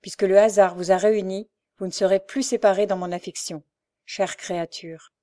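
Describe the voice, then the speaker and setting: A woman voicing a tender, devout poor young mother in an audiobook, speaking gently and earnestly. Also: mid-range voice, fairly even intonation, moderate pace, close to an everyday voice. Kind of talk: audiobook character voice.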